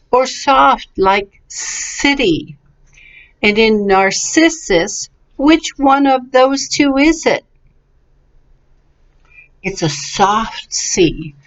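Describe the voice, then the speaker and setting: Patient woman teaching pronunciation slowly. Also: medium pitch. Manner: patient, encouraging, drawn-out syllables. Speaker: English teacher. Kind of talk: slow, clearly enunciated vocabulary and pronunciation lesson. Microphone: webcam. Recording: slightly dull, lo-fi webcam recording.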